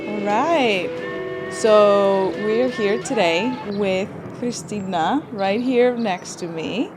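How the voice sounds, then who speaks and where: A woman's voice: mid-range voice, takes it slowly, over music. A woman hosting a podcast, upbeat and eager, talking casually with lots of "yeah" and "like". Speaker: podcast host.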